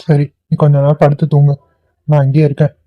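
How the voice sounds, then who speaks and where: A calm young husband, played by a man reassures in an even, slightly high voice. The homemade cartoon audio is tinny, phone-like and dry. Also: fast talker, no echo, close to an everyday voice. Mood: reassuring. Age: young adult. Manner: soothing, steady. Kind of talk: amateur cartoon voice acting.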